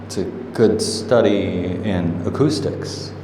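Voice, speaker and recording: A man interviewing a silo owner in a friendly, curious way, recorded inside a concrete underground chamber. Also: low voice. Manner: friendly, curious, quick to laugh. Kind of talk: casual interview questions. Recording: echoey concrete chamber, faint background noise.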